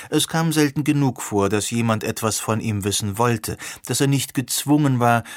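A man narrating a novel in a steady, clear storytelling manner. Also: fairly low pitch, no echo, clean studio sound. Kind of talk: scripted audiobook narration.

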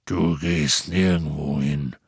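A man voicing a gruff, burly half-giant who growls his words. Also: very deep voice, fairly even intonation, slow pace, no echo, clean studio sound, voice pushed down, heavily acted. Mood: insistent.

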